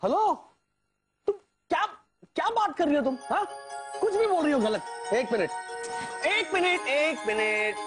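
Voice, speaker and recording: A man's voice: high-pitched, very animated, normal speed, over music. An actor playing a young husband who stammers and gets defensive when his family confronts him. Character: flustered young husband caught out.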